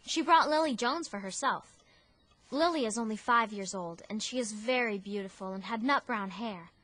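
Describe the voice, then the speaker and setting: A woman's voice: fairly high pitch, moderate pace, a bit bright, dry recording. A woman playing Anne Shirley, an effusive orphan girl. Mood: earnest. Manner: breathless, effusive, theatrical. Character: talkative imaginative orphan girl, dramatic, romantic. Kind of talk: audio drama acting.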